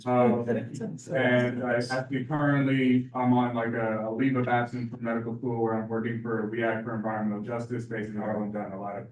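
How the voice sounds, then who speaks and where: A man introducing himself at a community board meeting, hesitant, with many fillers. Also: mid-range voice. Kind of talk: self-introduction at a public meeting. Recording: echoey meeting room, mic far off, dull sound.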